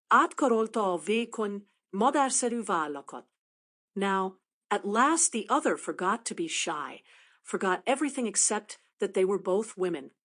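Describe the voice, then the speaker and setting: Woman reading a story out loud, calm and measured, mid pitch, audiobook. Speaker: narrator. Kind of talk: bilingual audiobook narration.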